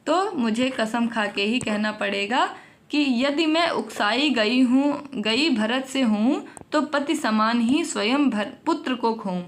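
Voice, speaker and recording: A woman teaching a poetry lesson, with a voice pitched a little higher than most. She reads each verse aloud and then restates it in everyday conversational terms for her students. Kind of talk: explaining a Hindi poem line by line.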